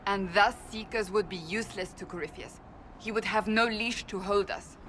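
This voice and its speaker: A stern woman warrior speaks in firm, formal sentences with steady resolve, voiced by an actress. Her pitch sits in the middle range and there is a faint ambient hum behind her. It is a game cutscene performance. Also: moderate pace, close to an everyday voice. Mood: resolute. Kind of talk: video game voice acting.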